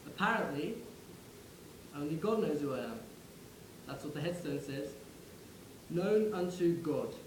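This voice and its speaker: A man's voice: fairly high pitch, animated, a little slow, long pauses, roomy sound, slight background noise, rough recording. A man playing the ghost of a young soldier from the First World War, who speaks wryly and directly to the listener. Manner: wry, conversational, addresses the listener directly. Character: ghost of a young English WWI soldier, wry. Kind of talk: theatrical monologue.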